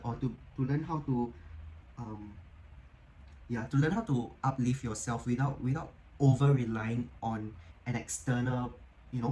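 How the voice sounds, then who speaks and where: A man's voice: mid-range voice, slight background noise, poor audio. A man giving a casual, encouraging tarot reading, talking in a chatty way full of "like" and "okay?" checks. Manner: chatty, frequent "like" and "okay?" tag questions; gentle, encouraging tone. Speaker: tarot reader.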